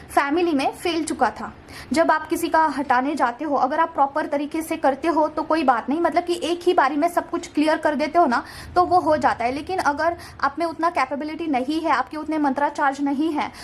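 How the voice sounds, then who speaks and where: A woman's voice: high-pitched, slight background noise. A young woman giving a casual, reassuring tarot card reading, mixing English words into her Hindi. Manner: gentle, reassuring, keeps saying "theek hai".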